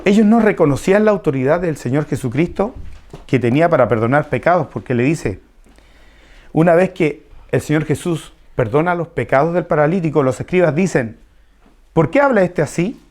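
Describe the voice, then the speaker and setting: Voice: mid-range voice, a little fast, darkish tone. A preacher teaching a Bible passage to a congregation, repeating key phrases and asking them questions. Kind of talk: expository Bible study sermon.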